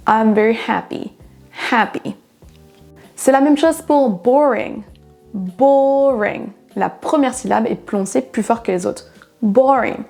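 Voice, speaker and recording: A woman teacher whose first language is French walks learners through English word stress in a calm, explanatory way. Her voice sits a little high with a soft, mellow tone. She models each example slowly, leaning on the stressed syllable, over faint background music. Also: creaky. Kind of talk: online pronunciation lesson.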